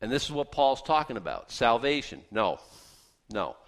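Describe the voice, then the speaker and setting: With a gravelly, sing-song, mid-range voice at a moderate pace, a man in his fifties preaches to his congregation. His Bible-teaching sermon is conversational and folksy, peppered with jokes and rhetorical questions that he answers himself.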